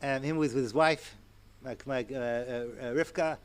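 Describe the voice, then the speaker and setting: A man in his sixties giving a Torah lecture to an audience, animated and chatty, with asides and chuckles. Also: mid-range voice, moderate pace, smooth. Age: 60s. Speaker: rabbi and lecturer.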